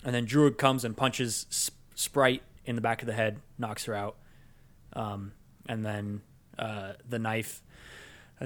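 A man co-hosting a casual movie review podcast, rambling through a plot recap with frequent ums and uhs. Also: mid-range voice. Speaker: podcast co-host.

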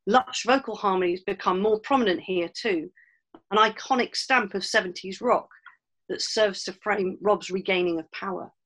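Female presenter, measured academic reading of a scripted analysis. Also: mid-range voice, a bit bright.

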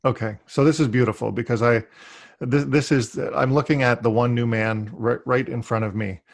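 A man hosting a relaxed interview, talking in a rambling way with many fillers and restarts. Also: mid-range voice, moderate pace, vocal fry, no echo. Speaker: interview host. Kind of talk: casual interview conversation.

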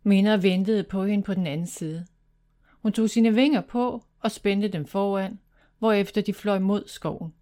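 A woman reading a children's fantasy story aloud, in steady, even narration. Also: medium pitch.

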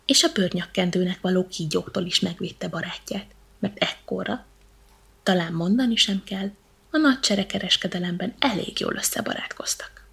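A woman reading a children's bedtime story with lively, playful narration. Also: fairly low pitch, vocal fry, breathy edge.

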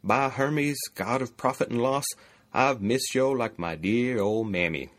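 A man's voice: mid-range voice, unhurried, a bit bright, pitched above the performer's own voice, close to an everyday voice. A man voicing a rustic male farmer with a Southern US accent and a folksy drawl, reading an ancient comedy aloud. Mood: hearty. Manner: folksy drawl, hearty greeting. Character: rustic male farmer from Megara, a hick selling his daughters.

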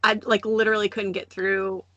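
A woman in her thirties hosting a casual faith podcast, telling stories in an animated way and acting out voices. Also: mid-range voice, moderate pace, no echo, highs cut off. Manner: animated storytelling, acts out voices and laughs often. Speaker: podcast host.

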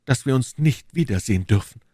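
Dignified grieving queen read by a man, husky voice, dry close sound. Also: medium pitch, animated, brisk, warm tone, no room sound, lightly acted. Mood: pleading, firm. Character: proud, sorrowful young queen, firm and dignified. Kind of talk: audiobook reading of a classic novel.

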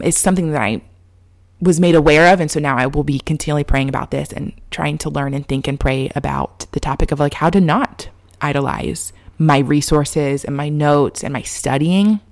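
A woman's voice: deep voice, darkish tone, no echo, clean studio sound. A woman with an American valley girl accent and manner, talking casually and confessionally to her online viewers about faith, peppering her sentences with "like".

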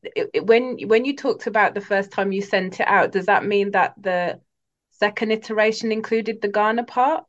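A woman interviewer asking quiet, brief questions and follow-ups. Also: medium pitch, normal speed. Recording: dull lo-fi sound.

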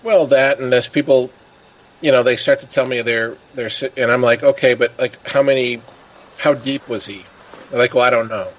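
A man telling stories on a podcast and slipping into the voices of the people he quotes. His voice has an average pitch, and the recording sounds a bit dull and lo-fi. The delivery is a loose, casual chat. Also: fairly even intonation, moderate pace. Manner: storytelling, acting out quoted people.

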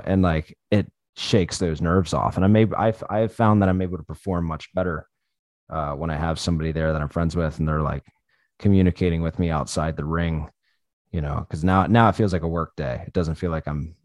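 Laid-back low-voiced man, swearing and laughing. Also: dry recording. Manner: loose and profane, laughing often through stories. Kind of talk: casual chat.

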